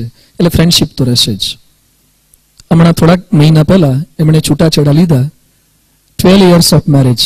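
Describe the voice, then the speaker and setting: A man with a Gujarati accent gives a motivational talk to students in a high voice. He tells stories and acts out the dialogue, mixing English words into his speech. The sound is dry, with no room echo. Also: a little mellow, slightly rough.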